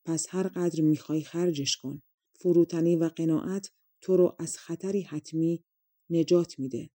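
A woman's voice: deep voice, steady tone, dark tone, no room sound, studio quality. Woman voicing a wise, kindly fairy lady.

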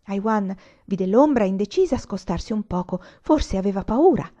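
A woman reading a novel aloud in steady, gentle narration. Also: medium pitch, normal speed. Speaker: audiobook reader.

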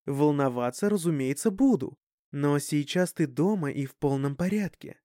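A man reading the lines of a calm, protective mother, soft-spoken and measured. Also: fairly high pitch, no echo, studio quality, natural voice. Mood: gentle, caring.

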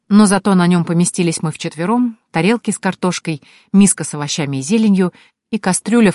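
A woman's voice: lowish voice, a little mellow, dry recording, clean studio sound. A woman narrating a first-person fantasy audiobook in a wry, ironic tone.

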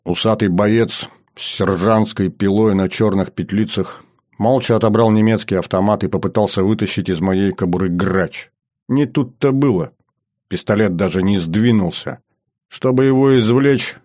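A man's voice: on the low side, moderate pace, a little mellow. A man narrating a first-person adventure audiobook in a dry, wry manner.

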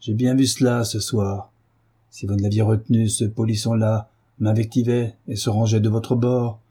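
A man reading a drunken, brutish middle-aged husband, speaking slowly with slurred pauses and a low, husky, dark voice. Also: level tone. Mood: drunk, menacing. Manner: slow, slurred, with frequent pauses.

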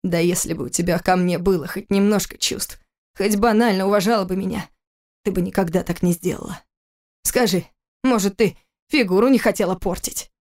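A woman's voice: lowish voice, steady tone, fairly quick, darkish tone, lightly acted. A woman voicing a cold, furious adult husband in an audiobook, speaking in a harsh, clipped, contemptuous way. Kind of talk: audiobook character reading.

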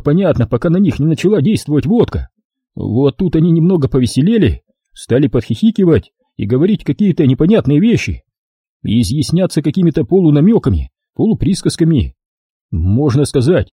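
Husky, dark-voiced male storyteller. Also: on the high side, dry recording, clean studio sound. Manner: conversational, confessional. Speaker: audiobook reader. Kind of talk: first-person story narration.

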